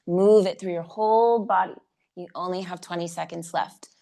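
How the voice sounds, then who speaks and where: A woman teaching a live online yoga class, giving calm step-by-step cues for breath and poses, a little out of breath as she demonstrates. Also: fairly low pitch, normal speed, vocal fry. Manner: slightly out of breath while demonstrating. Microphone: video call.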